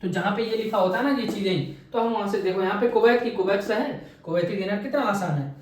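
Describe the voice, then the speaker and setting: Male tutor, high voice, drills facts by repetition, far off in a very echoey room. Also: fairly quick, a little hiss or hum. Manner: drills by repeating answers, quizzes and answers himself. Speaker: teacher. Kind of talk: exam-prep classroom lecture.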